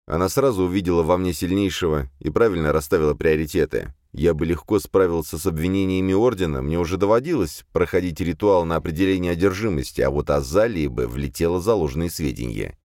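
A man narrating a first-person fantasy audiobook in a measured, wry tone. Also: low voice, a little mellow, no room sound, clean studio sound.

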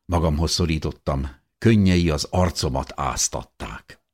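Low-voiced male audiobook narrator. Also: slightly rough. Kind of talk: first-person audiobook narration.

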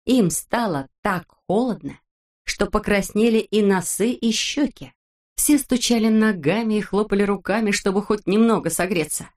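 A woman reading a children's book aloud as narrator, in a clear, expressive manner. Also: mid-range voice, moderate pace.

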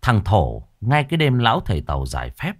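A man narrating a ghost story in a dramatic, expressive way. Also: lowish voice, brisk, dry recording.

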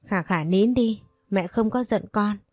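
A protective young mother who frets over her small daughter, as a woman narrator voices her. The tone is mellow and soft-edged. The storybook recording sounds dry and close. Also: mid-range voice, measured pace, no echo, close to an everyday voice. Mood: tearful.

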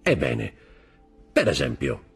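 A man's voice: very deep voice, huge pitch swings, slow pace, creaky, husky, faint music behind, full character voice. A man doing a sly scheming accountant. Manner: insinuating, feigned innocence. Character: scheming, sly male accountant plotting betrayal.

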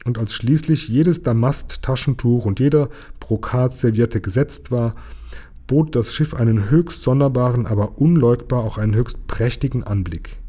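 A man reading a children's storybook aloud to young listeners, relaxed and unhurried. His voice is mellow and warm at a middle pitch, and he now and then breaks off for a casual aside. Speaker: reader of a children's book.

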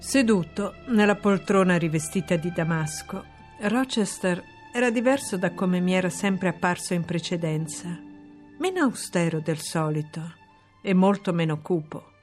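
A woman reading a classic novel aloud in a measured, expressive narration. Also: lowish voice. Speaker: audiobook reader. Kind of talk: scripted literary narration.

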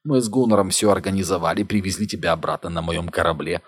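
Man voicing a defensive, swearing sailor, loud, exasperated, raised pitch, audiobook thriller. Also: fast talker. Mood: irritated. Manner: shouting, exasperated.

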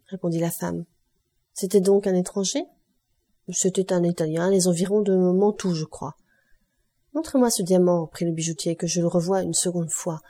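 A woman reading a classic novel aloud as an audiobook, giving the figures' lines with small changes in loudness. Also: fairly low pitch. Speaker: audiobook reader. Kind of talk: scripted narration.

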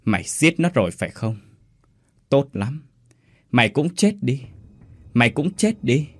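A man's voice: medium pitch, sing-song, unhurried, breathy edge, no room sound, clean studio sound. A man voicing a cruel middle-aged man who snarls his commands. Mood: menacing.

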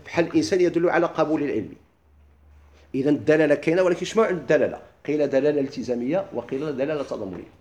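A middle-aged man with a Moroccan accent, teaching a classroom lesson. He keeps asking his listeners quick questions and then answers them himself. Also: a little high, a little mellow, echoey room. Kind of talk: classroom lesson explaining legal theory.

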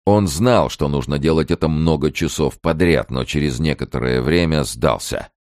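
Very deep-voiced male audiobook narrator. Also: moderate pace, darkish tone, no echo, clean studio sound. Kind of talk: dramatic novel reading.

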